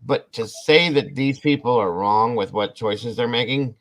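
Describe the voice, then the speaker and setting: A man hosts a casual livestream, rambling to his viewers and restarting his sentences as he goes. His mid-range voice moves a little slowly, picked up by a computer mic.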